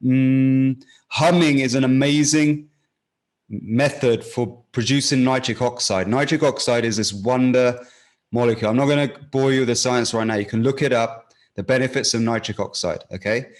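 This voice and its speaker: A man teaching breathwork, giving calm step-by-step instructions and often checking in with the listener. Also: medium pitch, normal speed.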